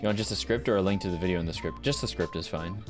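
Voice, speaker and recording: This low-voiced man talks rapid-fire. He works as a voice actor and streams live, idly and playfully chatting with his audience as soft guitar plucking plays in the background.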